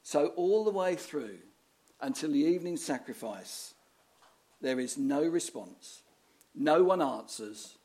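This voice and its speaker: Male preacher, raised-pitch voice, storytelling sermon delivery. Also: expressive, slow, warm tone. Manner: storytelling, rhetorical questions, dramatic reading of scripture.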